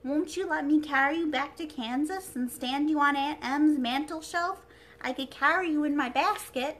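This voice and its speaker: A woman reading a storybook aloud, voicing a kind-hearted young girl who speaks earnestly and gently. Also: sits high, normal speed, pitched above the performer's own voice, close to an everyday voice.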